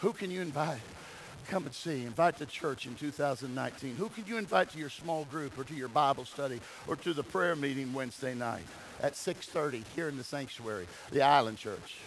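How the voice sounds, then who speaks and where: The audio is poor, with a little hiss or hum, as a man preaches a sermon during a church service in the sanctuary. His medium-pitched voice runs a little fast, going from quiet talk to loud, emphatic cries. As pastor, he presses his congregation with repeated key phrases and calls for amens.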